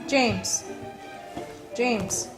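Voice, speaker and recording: A woman's voice: fairly high pitch, extremely slow, reverberant, over music. A woman filming her young children at home, alternately coaxing them in a sing-song voice and scolding them. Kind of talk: casual home video. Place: family home indoors.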